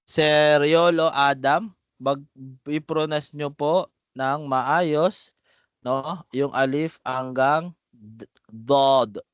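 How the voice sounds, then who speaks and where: A man teaching the Arabic alphabet on a video call, patient and unhurried, calling on students by name. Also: a little high, clear, resonant tone, no echo, muffled recording. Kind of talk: online class drilling letter sounds.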